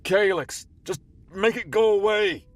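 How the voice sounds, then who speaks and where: A man's voice: sing-song, a little slow, breathy edge, dry recording, heavily acted. Panicky sarcastic junker guy , man voicing him voice jumping all over, scifi audiobook. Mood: panicked. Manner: panicky, sarcastic, squeaky when scared.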